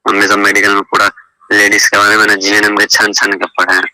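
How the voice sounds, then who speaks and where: A man's voice: fairly low pitch, completely flat delivery, quick pace, bright, forceful tone, dry recording. A man on a private phone call, insistently coaching the other person on what to say.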